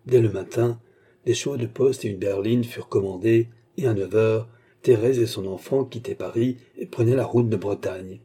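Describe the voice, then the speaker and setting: A man reading a classic novel aloud as an audiobook narrator, in a measured, even way. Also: lowish voice, breathy edge.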